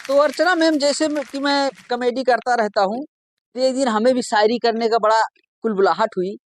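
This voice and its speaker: A man, a stand-up comedian, telling jokes to a judge in a chatty storytelling way, slowing down for the punchlines. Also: very high voice, background noise. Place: TV comedy stage with audience.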